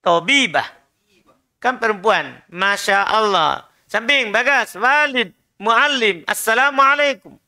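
A man's voice: high voice, expressive, takes it slowly, gravelly, bright, forceful tone. A man teaching an Arabic class, drilling his students with patient, repeated prompts and corrections. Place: prayer room classroom.

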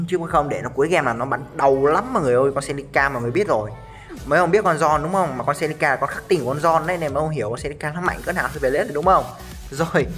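A man commenting live on his own match in a quick, bright, fairly high voice. He keeps up a restless stream of repeated callouts aimed at his viewers, while soft music plays underneath. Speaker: gaming streamer.

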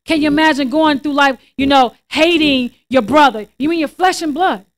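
A woman's voice: high-pitched, moderate pace. A woman pastor preaching a sermon, reading scripture aloud with emphasis and often repeating her words.

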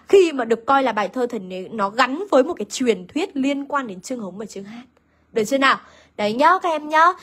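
High-voiced woman teaching a lesson. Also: fairly bright tone, breathy edge. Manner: questions the students and answers herself, repeats key points. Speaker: literature teacher. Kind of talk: online lesson explaining a poem.

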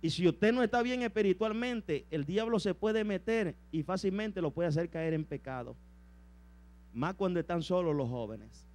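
A man's voice: high-pitched, moderate pace, darkish tone. A young adult man preaching a fervent sermon in a church, constantly dropping praises. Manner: fervent, peppered with interjections of praise. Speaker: evangelist preacher.

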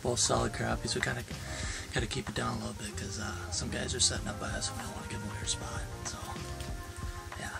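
A young man giving casual play-by-play while ice fishing, often murmuring quietly as he reels fish in, recorded inside an ice fishing shelter by a wide camera. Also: flat delivery, fast talker, creaky, in a whisper, over loud music, rough recording. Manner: laid-back, often murmured low while reeling in fish. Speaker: fishing vlogger.

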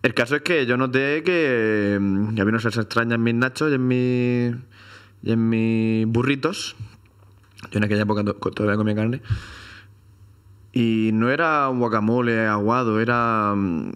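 A man's voice: medium pitch, fairly even intonation, normal speed, a bit bright, clean tone. A man from Spain co-hosting a comedy chat, rambling through absurd stories with hesitant fillers. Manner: rambling, tells tall tales with hesitant fillers. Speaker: comedy podcast co-host.

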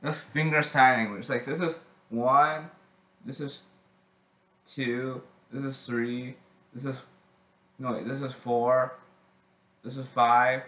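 Teen guy rambling on camera, keeps restarting and clearing his throat, bright sharp voice. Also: mid-range voice, steady tone, echoey room, poor audio. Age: teens. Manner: halting, many restarts and frequent throat clearing. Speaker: vlogger. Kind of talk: casual vlog chat.

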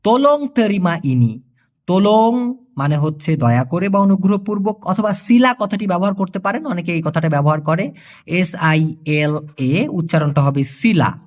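A man teaching in a casual video lesson, explaining each word slowly and repeating phrases, with the odd joke to the viewer. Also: high-pitched, lively intonation, darkish tone. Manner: jokes with the viewer. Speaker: language teacher.

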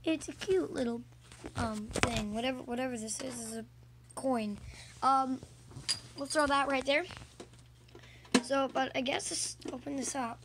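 A woman with a high, bright-sounding voice chats excitedly as she opens a package on camera. A faint hiss of background noise runs under the recording. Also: unhurried, pauses often. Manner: chatty, excited narration. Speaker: toy unboxing vlogger. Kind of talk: casual toy-play vlog.

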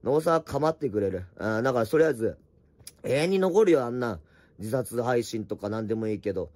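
A middle-aged man with a slightly hoarse voice, chatting casually on a late-night livestream from home, reading viewer comments and answering them bluntly with teasing, rough asides. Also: on the low side, fast talker, a little mellow, no echo. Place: at home, wrapped in an electric blanket.

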